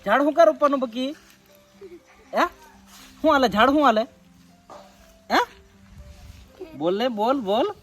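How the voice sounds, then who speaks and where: Woman w asking kids stuff outside, kinda high voice, patient coaxing. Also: lively intonation, unhurried, long pauses, faint music behind. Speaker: vlogger quizzing village children. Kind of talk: casual outdoor chat.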